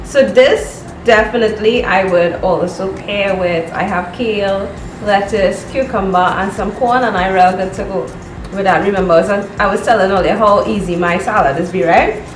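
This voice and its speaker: A woman's voice: medium pitch, moderate pace, echoey room, noisy background. A woman, chatting upbeat to viewers in a home cooking vlog. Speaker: cooking vlogger. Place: home kitchen, indoors.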